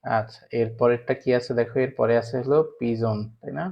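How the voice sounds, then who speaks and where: A man's voice: mid-range voice, flat delivery, brisk, vocal fry. A man with a Bangladeshi Bengali accent teaching an English class for primary students. He keeps asking the class questions and then answers them himself. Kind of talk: online class lecture. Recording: slightly dull lo-fi recording.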